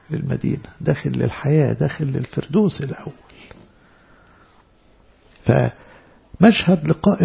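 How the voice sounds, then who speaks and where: A man with an Egyptian Arabic accent preaching a church sermon, stressing words loudly and then dropping into soft asides. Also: a little high, gravelly, husky, highs cut off. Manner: emphatic, swinging between loud stresses and soft asides.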